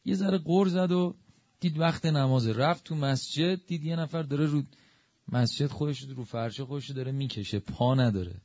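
A man preaching a religious sermon in a conversational, lively way that rises to emphatic peaks. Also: fairly high pitch, no echo, dull audio.

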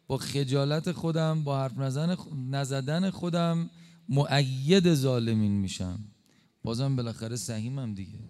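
A male preacher giving an impassioned sermon, slowing for emphatic stresses and dropping suddenly quiet. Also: fairly high pitch, clean tone. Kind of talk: religious sermon.

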